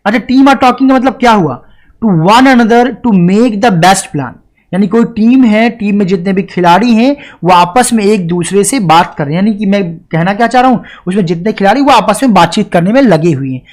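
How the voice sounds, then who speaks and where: Male grammar teacher, lecture delivery, rhetorical questions, stresses each example sentence slowly. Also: sits high. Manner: explains step by step, often asks and answers his own questions; reads English example sentences slowly and deliberately. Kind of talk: classroom lecture.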